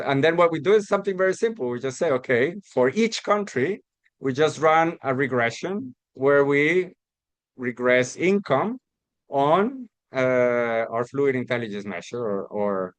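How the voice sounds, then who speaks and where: A man's voice: mid-range voice, no room sound. A man from Costa Rica giving an academic research talk, explaining step by step with many restarts and repeated words. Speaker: academic presenter.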